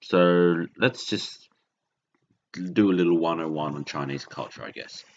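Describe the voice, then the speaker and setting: Hosting a casual monologue for his podcast, a man from Indonesia speaks in an extremely deep voice. His delivery is halting and rambling, full of self-corrections, on a dull, lo-fi recording.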